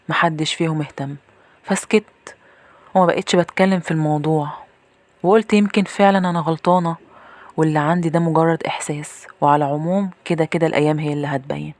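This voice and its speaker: Woman, Egyptian accent, horror story narration, low voice, quick pace, dry close sound. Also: no room sound. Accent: Egyptian Arabic. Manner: tense, confiding, brisk storytelling.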